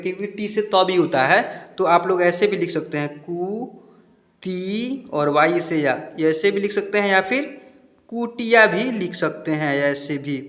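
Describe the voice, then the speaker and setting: A man's voice: high-pitched, fairly bright tone, echoey room, big-room sound. A man teaching a spelling lesson, patiently sounding out words and checking that the students follow. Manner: patient, repeats words slowly and checks understanding.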